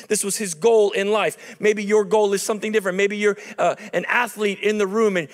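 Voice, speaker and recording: On a large, dark auditorium stage, a man in his thirties delivers a chapel sermon from a lectern, speaking conversationally and building to emphatic peaks. His voice is high for a man. His handheld mic picks up the long reverb of the hall.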